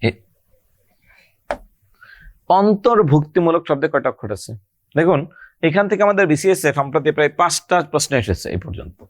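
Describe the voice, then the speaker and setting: A man teaching an exam-prep grammar lesson, explaining step by step, addressing students directly and repeating key terms slowly. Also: a little high, animated, no echo, clean studio sound.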